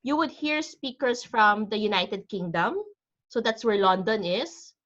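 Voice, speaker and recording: A woman's voice: mid-range voice, takes it slowly, a bit bright, muffled recording. A Filipino woman teaching an IELTS class over a video call, chatty, switching between Tagalog and English and often checking in with "di ba?". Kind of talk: online class lecture.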